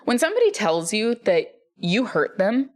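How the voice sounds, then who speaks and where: A woman's voice: mid-range voice, very animated, normal speed. A woman in her thirties co-hosting a podcast, telling a personal story with swearing, emphasis and frequent laughter. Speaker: podcast co-host. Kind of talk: casual chat.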